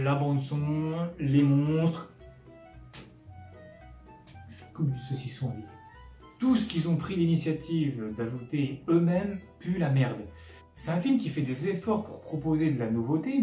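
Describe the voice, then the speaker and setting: With a slightly high voice and a dark tone, a man hosts a scripted comedy recap of a film, delivering sarcasm and offhand asides. The recording has a roomy echo, and music plays beneath him.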